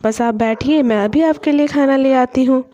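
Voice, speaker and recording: Dutiful young daughter-in-law, voiced by a woman, anxious and pleading; high and mellow, slightly muffled. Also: moderate pace, dry recording, close to an everyday voice.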